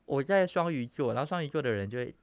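A man's voice: medium pitch, fast, smooth, dry recording. A man, co-hosting a casual chat podcast and telling stories with acted-out quotes. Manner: animated storytelling, acting out quotes, frequent laughter. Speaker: podcast co-host.

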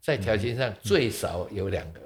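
A man, a guest explaining in casual conversation, animated and laughing often. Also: on the low side, fairly quick. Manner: animated, asks rhetorical questions, laughs often.

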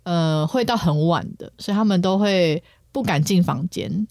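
A woman's voice: fairly low pitch, moderate pace, gravelly, darkish tone, no echo. Taiwanese woman guest on a podcast, chatty, lots of little mm-hmms, dry close mic. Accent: Taiwanese Mandarin. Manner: attentive listener with frequent backchannel murmurs. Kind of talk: casual chat. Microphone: studio microphone.

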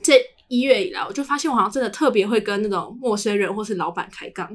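A woman's voice: mid-range voice, animated, quick pace. A young woman with a Taiwanese Mandarin accent, chatting casually as a podcast co-host and telling chatty stories with acted-out dialogue. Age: young adult. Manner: chatty storyteller who acts out dialogue. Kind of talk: casual chat.

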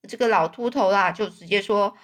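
A woman's voice: medium pitch, fairly quick, a bit bright. A woman retelling a children's story, explaining words as she goes, with frequent restarts and fillers.

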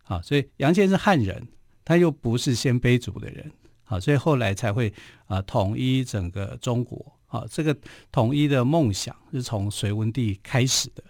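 A man with a Taiwanese Mandarin accent hosts a radio history program, speaking in a loose storytelling way that is dotted with little filler particles. His voice sits at a middling pitch. The studio sound is dry and close. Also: animated, moderate pace, a little mellow, no room sound. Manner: chatty, frequent filler particles.

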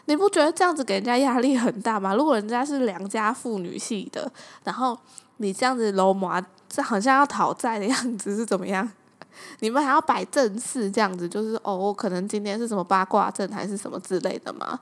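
A woman's voice: mid-range voice, brisk. A young woman with a Taiwanese Mandarin accent, hosting a podcast and telling stories casually, with lots of fillers and frequent laughter. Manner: chatty, laughs often, many fillers. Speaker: podcast host. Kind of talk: casual storytelling monologue.

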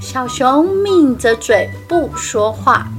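A woman narrating a children's story in a gentle, clear way. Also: high-pitched, animated, takes it slowly. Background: music.

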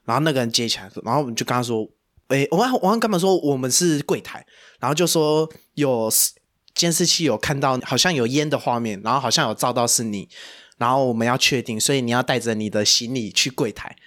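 A man's voice: mid-range voice, brisk. A man in his twenties with a Taiwanese Mandarin accent, co-hosting a casual podcast and telling stories with plenty of slang and swearing. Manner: animated, profane storytelling full of slang. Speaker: podcast co-host. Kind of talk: casual chat.

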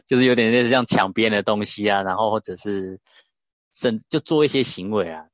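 Male host, thoughtful questioner, deep tone, a bit muffled lo-fi recording. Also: sing-song, fairly quick, a bit bright, dry recording. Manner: thoughtful, reflective follow-up questions. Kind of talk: casual interview hosting. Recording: slightly dull lo-fi audio.

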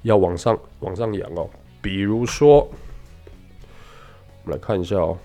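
A man teaching English pronunciation in a lesson, explaining patiently and demonstrating words slowly. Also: low voice, mellow, soft background music. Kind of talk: radio-style English lesson.

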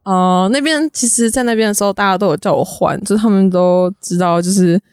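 Young taiwanese woman gushing a story fast, giggly, dead dry studio sound. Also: mid-range voice, a little mellow, smooth, dry recording. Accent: Taiwanese Mandarin. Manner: rapid, giggly, chatty. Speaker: podcast guest. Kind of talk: casual storytelling chat.

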